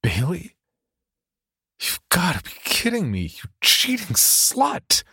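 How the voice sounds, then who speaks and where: A man's voice: high-pitched, wildly swooping pitch, slow, slightly rough, dry recording, studio quality, pitched above the performer's own voice, full character voice. A man voicing a despairing, down-and-out man who cries out in anguish. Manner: shouting in anguish.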